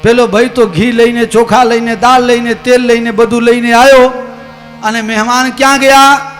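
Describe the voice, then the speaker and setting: High-voiced Gujarati storyteller in reverberant hall. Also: male voice, little pitch movement, normal speed, fairly bright tone. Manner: folksy, acts out characters' lines. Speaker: religious storyteller. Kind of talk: devotional katha storytelling. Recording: long hall reverb with music.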